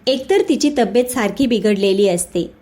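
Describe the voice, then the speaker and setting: A woman's voice: mid-range voice, animated, moderate pace, natural voice. An angry scolding young husband, as a woman reads him out. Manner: shouting, accusing.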